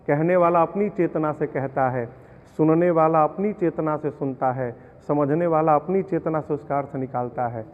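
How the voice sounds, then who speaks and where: High-voiced man giving a devotional discourse. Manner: preacherly, explains verses with everyday examples; chants verses slowly. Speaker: religious storyteller. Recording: tinny, narrow-band audio in a long-reverb hall.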